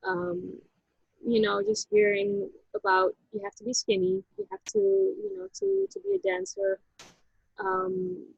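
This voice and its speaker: High, gravelly woman. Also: darkish tone, dry recording, muffled recording. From Netherlands. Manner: halting and reflective, with frequent restarts. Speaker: interview guest. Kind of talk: personal story in a casual interview.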